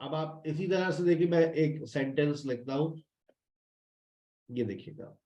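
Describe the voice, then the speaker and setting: Slow, fatherly male English teacher. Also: fairly high pitch, dark tone. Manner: repeats phrases to drill students, fatherly, addresses them as "beta". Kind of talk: online class explanation. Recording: roomy, dull lo-fi sound.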